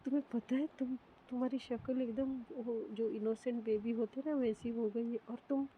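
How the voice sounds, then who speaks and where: A woman's voice: on the high side, steady tone, normal speed, phone-quality sound, a little hiss or hum, voice pushed up, natural voice. A woman voicing a carefree young woman who teases and scolds her friend. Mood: teasing. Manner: teasing, exasperated. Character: teasing, carefree young woman, playful roommate.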